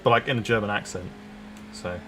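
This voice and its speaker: A man's voice: fairly low pitch, brisk, fairly bright tone, a little hiss or hum. A man streaming a sim race, chatting casually and swearing freely while he drives. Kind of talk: casual gaming chat.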